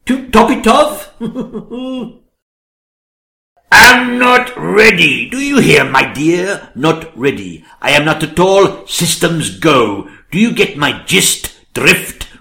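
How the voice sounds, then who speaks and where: A man's voice: on the high side, a bit bright, heavily acted. Pompous, greedy, swooping king. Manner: pompous, theatrical, relishing alliteration. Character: pompous, greedy, rhyming hungry king, lecherous and blustering. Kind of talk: theatrical rhyming comic drama.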